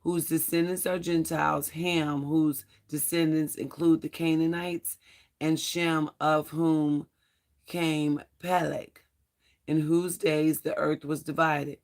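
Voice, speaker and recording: A Bible study host, hoarse and losing his voice, reads scripture aloud and adds earnest spiritual commentary, sometimes stumbling over difficult names. His strained mid-range voice is flat and slow.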